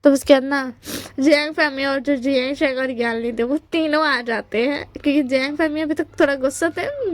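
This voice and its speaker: A woman's voice: high voice, no echo. A woman casually retelling a fan fiction story in her own words, stopping to search for words and dropping in English terms. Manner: chatty, searches for words, mixes English words into the telling.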